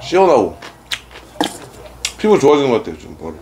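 A man eats on camera and keeps talking while he chews, his words thick with food. His pitch rises and falls a lot as he gushes over each bite. Dishes and silverware clatter clearly in the background. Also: wildly swooping pitch, fairly quick, background noise. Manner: gushing, exclaims over the food. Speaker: mukbang vlogger. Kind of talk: casual eating commentary. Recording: clattering dishes and cutlery behind.

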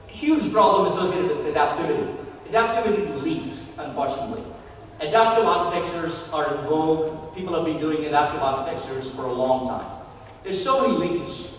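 A man delivers a technical keynote in a large hall, his fairly high voice carrying with heavy, lingering reverb. He speaks in a measured way, often filling pauses with "uh" as he thinks. The sound is picked up from a distance, with a faint room hum underneath. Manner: measured, many "uh" fillers while thinking. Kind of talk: conference keynote lecture. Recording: echoey hall recorded from far off.

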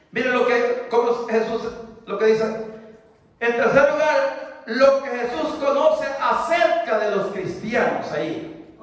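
A middle-aged man preaching a fervent sermon from a church pulpit, again and again addressing his listeners as brothers. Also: very high voice. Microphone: far camera in the pews. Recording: echoey hall from far off.

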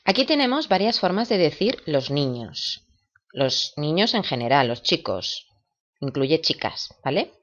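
Low-voiced woman teaching English. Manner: patient, repeats words slowly for imitation. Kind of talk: video lesson, explaining and drilling words. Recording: dull lo-fi recording.

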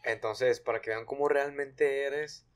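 A man's voice: mid-range voice, a little slow. A young man hosting a casual podcast chat, slangy and full of restarts, at a desk mic in a small studio. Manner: relaxed slangy questioning with many restarts. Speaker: podcast host. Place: small studio with blue wall.

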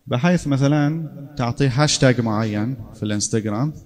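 A man's voice: lowish voice, a little mellow. A man giving a casual classroom lecture, conversational and often checking in with his listeners.

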